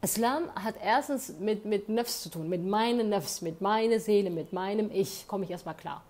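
A woman's voice: mid-range voice, moderate pace, darkish tone. A woman talking straight to her phone camera in a room, giving earnest, emphatic motivational advice and often checking in with tag questions. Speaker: advice vlogger. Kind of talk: motivational monologue. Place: indoor room.

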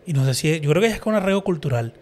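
A man hosting a casual podcast chat, animated and acting out the people in his stories. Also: a little high, rapid-fire, slight background noise. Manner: animated storyteller, acts out quoted people. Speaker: podcast host.

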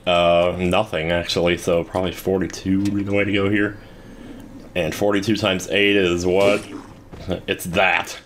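A man's voice: low voice, a bit bright, slight background noise. A man giving casual, rambling commentary while playing a video game, with wry asides. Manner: rambling, wry, self-deprecating. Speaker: let's play host.

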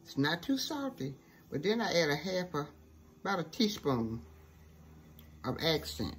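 Slow, folksy woman cooking at home. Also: low voice, sing-song. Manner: folksy, chatty, says "okay" often. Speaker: cooking show host. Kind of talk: casual cooking demonstration. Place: home kitchen. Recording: noisy home kitchen recording.

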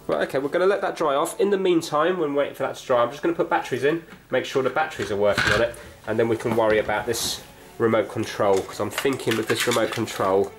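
This repair host is a fast talker with a mid-range voice, casually walking through his work at a cluttered indoor workbench. He explains each step tentatively as he thinks aloud, and the recording has clear background noise plus clicks from handling.

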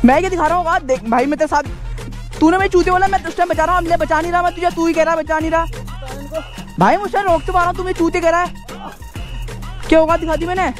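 High-voiced exasperated young man pleading. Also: fairly even intonation, fast, long pauses, music in the background. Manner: pleading, exasperated, trying to stop a fight. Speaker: motovlogger. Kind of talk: casual vlog argument.

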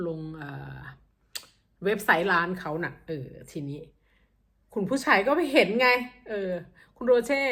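A woman's voice: lowish voice, gravelly, a bit bright. A Thai woman in her thirties with a Northeastern Thai accent, telling her own story in a chatty way and acting out the people she quotes. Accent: Northeastern Thai (Isan). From Thailand. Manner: chatty, acts out quoted voices, laughs a lot. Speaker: vlogger. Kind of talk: casual storytelling to camera.

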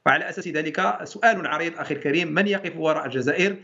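A man's voice: fairly high pitch, rapid-fire, creaky, bright, forceful tone, highs cut off. A man, a professor of international law, speaking emphatically in a TV debate with rhetorical questions and fillers. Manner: declamatory, many fillers and repeated rhetorical questions.

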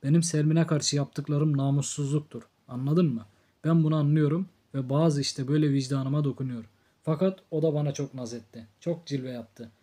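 Guy reading a harsh drunk big brother in an audiobook, blunt and threatening, low mellow voice. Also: steady tone, moderate pace, close to an everyday voice. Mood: brooding.

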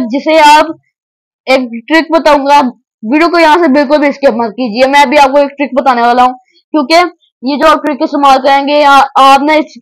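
High-pitched, excitable game commentator. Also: no room sound, rough recording. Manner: rambling, repeats "arey yaar guys" with many restarts. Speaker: gameplay commentator.

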